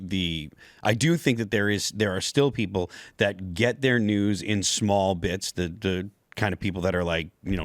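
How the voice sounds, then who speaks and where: A man in a casual political discussion who talks haltingly, restarting his sentences and hedging with "I think.". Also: sits low, no echo.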